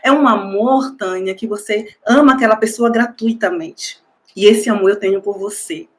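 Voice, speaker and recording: A woman's voice: mid-range voice, normal speed. A woman, a master's student and school coordinator, giving an emotional, effusive tribute speech. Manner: effusive, emotional, repeats the listener's name.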